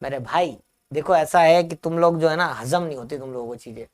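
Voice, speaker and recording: A male teacher leads a live online grammar lesson. He breaks off to reassure students who write in the chat. He then dictates definitions slowly and repeats them phrase by phrase. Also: on the high side. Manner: answers chat comments, reassuring.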